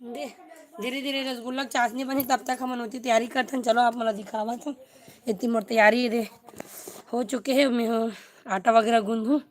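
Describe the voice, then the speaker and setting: A woman with a Chhattisgarhi accent hosting a casual live cooking stream from her home kitchen, chatting to viewers while hushing and directing a small child. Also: fairly high pitch, steady tone, normal speed, a little hiss or hum. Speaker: cooking vlog host.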